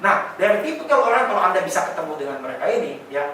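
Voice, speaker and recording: A high-voiced man talks fast and animatedly as a sales trainer, coaching the listener and calling him sir at every turn. His voice rings through a very echoey room, caught from a distance by the mic. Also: sing-song, sharp tone, slight background noise. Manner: mixes in English sales terms. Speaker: real estate sales trainer. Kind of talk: coaching talk in an interview.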